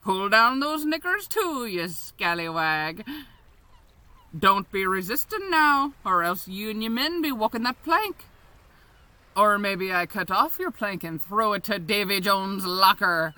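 A woman's voice: mid-range voice, lively intonation, a little slow, pushed and bright. A woman voicing a bawdy, domineering female pirate captain in a stage-pirate brogue with growled arrs, mocking and commanding. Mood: domineering swagger. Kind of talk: adult audio roleplay.

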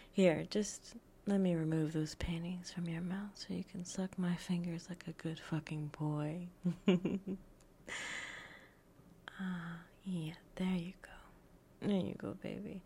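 A woman whispering a teasing, dominant audio roleplay in a breathy voice, with soft chuckles between phrases. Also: on the low side, a little hiss or hum.

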